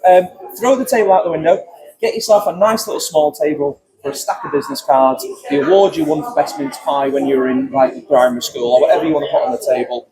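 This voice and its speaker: A man's voice: a little high, fast, crowd noise, rough recording. A man hosting a vlog at a trade fair, talking bluntly and joking, with plenty of swearing. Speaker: vlog host interviewing magic dealers. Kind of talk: casual chat.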